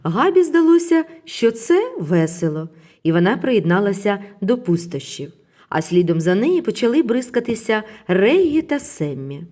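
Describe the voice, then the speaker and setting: Brief: woman storyteller for kids, mid-pitched, lively melodic reading, gentle. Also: moderate pace. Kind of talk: children's story narration.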